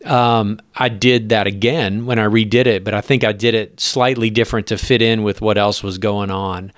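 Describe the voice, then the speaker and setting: Eager halting radio man, dry sound. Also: on the low side, steady tone, no echo. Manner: eager, halting, lots of likes and ums. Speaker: radio broadcaster and voice actor guest. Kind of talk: casual interview chat.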